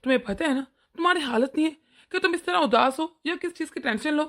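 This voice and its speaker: A woman's voice: high voice, fast talker, a bit bright, pitched below the performer's own voice. A woman voicing a caring, concerned young husband in a cartoon. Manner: concerned, reassuring. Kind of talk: cartoon voice acting.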